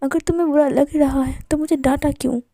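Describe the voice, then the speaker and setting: A mischievous young man from a storybook sulks and throws accusations in a pouty way, acted by a woman. The voice is high and soft-edged, recorded dry and close. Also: fairly even intonation, fairly quick, dry recording. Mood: sulky. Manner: pouting, accusing, petulant. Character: sulky mischievous young man, hot-tempered.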